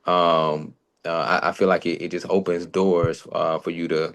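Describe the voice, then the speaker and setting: A man co-hosting a podcast in relaxed, friendly conversation, circling back over his points as he talks. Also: deep voice, normal speed, smooth. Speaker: podcast co-host. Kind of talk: casual conversation.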